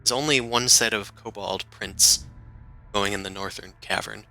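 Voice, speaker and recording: Bright, forceful low-voiced man running a game. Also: steady tone, moderate pace, low-quality recording. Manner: improvised, conversational narration. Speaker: game master. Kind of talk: narrating a tabletop role-playing game, casual.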